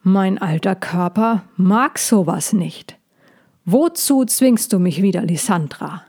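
A woman voicing an old, imperious female elder dragon in a storybook reading, booming, slow and grumbling. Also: lively intonation, darkish tone. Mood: groaning.

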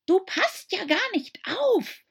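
A woman's voice: medium pitch, very animated, slow, mellow, husky, pitched above the performer's own voice, full character voice. A woman voicing a touchy, easily offended female mouse in a storybook, sighing and stern.

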